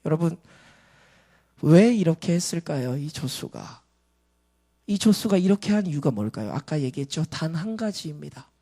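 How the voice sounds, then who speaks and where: Impassioned higher-voiced male pastor. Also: animated, normal speed, pauses often. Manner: storytelling with rhetorical questions, swelling to loud exhortation. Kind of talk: sermon.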